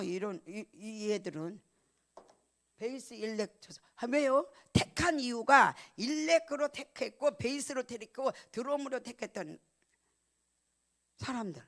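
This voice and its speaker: A middle-aged woman pastor giving a sermon, telling a personal story with emotion and swinging from loud emphatic lines to hushed, almost whispered ones. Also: on the high side.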